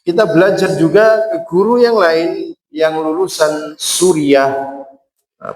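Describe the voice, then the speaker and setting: Slow, echoey Javanese-accented religious teacher. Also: male voice, fairly high pitch, recorded from a distance. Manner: drills recitation, repeating words slowly for the audience. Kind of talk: Quran recitation lesson. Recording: echoey room.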